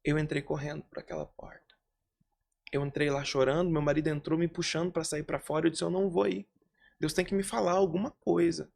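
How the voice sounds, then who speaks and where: A man's voice: a little high, steady tone, a little fast, gravelly, darkish tone. A man retelling as a distraught grieving woman. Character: distraught woman recounting her grief.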